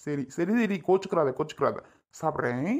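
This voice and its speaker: A woman voicing a gentle young husband who apologizes and soothes his wife in a Tamil cartoon. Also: deep voice, animated, fast talker, voice pushed down. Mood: apologetic. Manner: soft, placating.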